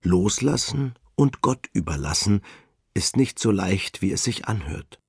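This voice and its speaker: Slow, gravelly-voiced man reading devotionally. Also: fairly low pitch, lively intonation, dry recording, studio quality. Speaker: reader of a spiritual text.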